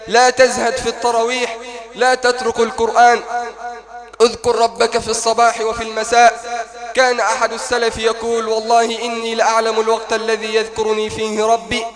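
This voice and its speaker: A man preaching a sermon in a mosque, telling a moving story and rising to impassioned near-shouting. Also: very high voice, monotone, a little fast, over music.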